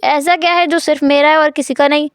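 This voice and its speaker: A woman's voice: high-pitched, steady tone, fast, dry recording, studio quality, close to an everyday voice. A woman voicing a shy, easily embarrassed young man in a storytelling fan fiction, stammering and protesting. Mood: flustered.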